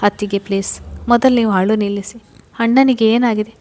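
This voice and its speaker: A woman narrator voicing a concerned young man who gently but firmly questions his sister-in-law. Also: a little high, fairly even intonation, fairly quick, lightly acted. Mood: pleading. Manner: soothing, insistent questioning.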